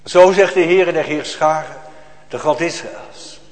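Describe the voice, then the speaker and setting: A man's voice: a little high, measured pace. A male pastor delivering a sermon in an emphatic, admonishing way, with pointed rhetorical questions to his congregation. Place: church. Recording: echoey church hall, long reverb.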